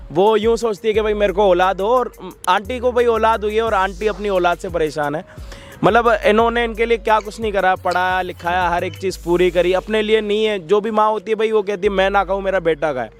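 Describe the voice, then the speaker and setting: High-voiced man scolding, preachy vlog host. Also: steady tone, brisk, faint music behind. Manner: preachy, scolding, addresses viewers as brothers. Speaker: prank and social video host. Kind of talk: emotional street-video presenting.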